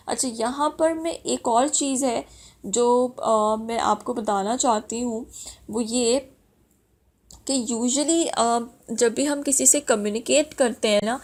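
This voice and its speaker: A woman giving a sales training lesson, mixing in English phrases with frequent fillers. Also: on the high side. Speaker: sales and customer service trainer. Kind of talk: instructional talk.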